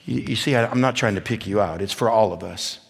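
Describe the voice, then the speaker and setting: A man preaching at a men's event, telling stories and building from quiet to loud, emphatic points. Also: lowish voice, quick pace, vocal fry, slightly rough. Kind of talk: sermon. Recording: long hall reverb.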